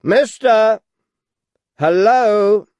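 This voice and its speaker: Deliberate drawling gentleman, slow and measured, pitched up, voiced by a male narrator. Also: smooth, dry recording, muffled recording. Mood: calling out. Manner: very slow, measured, drawn-out phrasing. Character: extremely deliberate gentleman, drawling a dog story.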